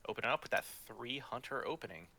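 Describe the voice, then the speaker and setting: A man's voice: mid-range voice, animated, quick pace, pushed and bright. A man co-casting a live esports match, analytical and explaining strategy in detail. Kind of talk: live game commentary.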